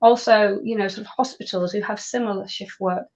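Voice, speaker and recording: A woman's voice: medium pitch, fairly even intonation, a little fast, a little mellow. A woman, a pilot and nutrition coach, talking enthusiastically as an interview guest with frequent restarts. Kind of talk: conversational interview.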